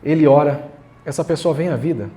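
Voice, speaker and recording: A man's voice: fairly high pitch, a little fast, dark tone. A man preaching a sermon as pastor, casual and joking, talking straight to the congregation. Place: church hall.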